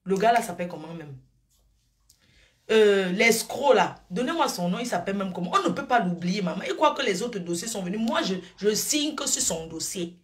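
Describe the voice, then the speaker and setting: A woman's voice: mid-range voice, animated, normal speed. Middle-aged woman streamer, gushing and rambling, drifting between affectionate asides and gossip. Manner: effusive, calls viewers endearments, drifts between topics. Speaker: live streamer. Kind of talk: rambling live-stream chat.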